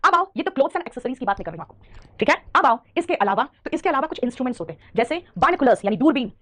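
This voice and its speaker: A woman's voice: high voice, big pitch swings, very fast, sharp tone. A woman teaching a live online English grammar class, who calls her students "beta" and keeps asking whether they have understood. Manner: addresses students as "beta", repeats questions to check understanding.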